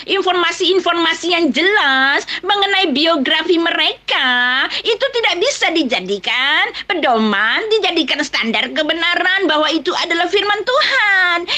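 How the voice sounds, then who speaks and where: A woman with a high, bright voice argues in a heated religious debate. She is combative and talks straight at her opponent. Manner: combative, addressing opponent directly.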